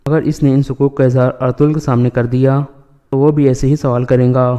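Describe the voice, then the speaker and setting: Guy reading a vengeful young woman, flat smooth voice. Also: medium pitch, close to an everyday voice.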